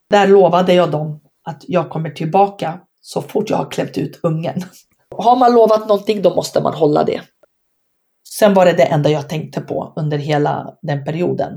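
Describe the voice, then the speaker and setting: In this interview, a woman who once played basketball recounts her experiences, her low voice carrying vocal fry. Lively and frank in her emphasis, she performs the old dialogue as part of each story.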